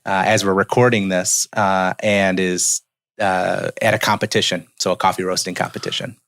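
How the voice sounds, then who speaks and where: A man who founded businesses, a podcast guest talking earnestly and in a measured way, trailing off quietly at the ends of phrases. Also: low voice, little pitch movement, dry recording. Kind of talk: casual interview chat.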